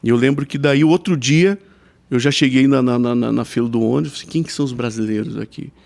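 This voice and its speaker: A man with a Brazilian accent, a pastor who is a podcast guest, telling a lively anecdote in casual conversation and tagging his sentences with frequent "né?". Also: medium pitch, quick pace, vocal fry. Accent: Brazilian Portuguese. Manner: lively storyteller, mimics the people he quotes, frequent "né?" tags.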